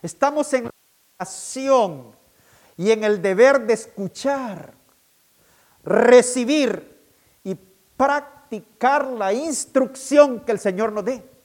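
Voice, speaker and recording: A man preaching a sermon, emphatic and deliberate, repeating his key points slowly for the congregation. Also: very high-pitched, darkish tone. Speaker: pastor.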